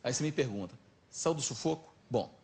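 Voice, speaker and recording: Mineiro storytelling on a talk show. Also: male voice, mid-range voice, brisk, creaky. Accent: Minas Gerais. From Minas Gerais, Brazil. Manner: lively anecdotal, animated retelling. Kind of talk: casual storytelling chat.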